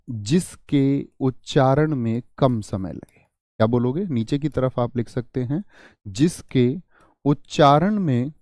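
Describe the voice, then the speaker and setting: A man's voice: mid-range voice, dark tone, no echo, studio quality. A man teaching a class online, dictating and asking the class questions, with repetition.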